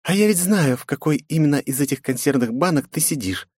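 A man's voice: fairly high pitch, lively intonation, a little fast, darkish tone, breathy edge, no echo, studio quality, pitched above the performer's own voice. A man voicing a defiant, sarcastic eighteen-year-old princess in an audiobook, with cheeky, mocking retorts.

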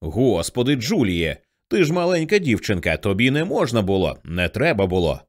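A man voicing a frantic older teenage girl who shouts at and then pleads with her younger sister. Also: fairly low pitch, very animated, normal speed. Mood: pleading.

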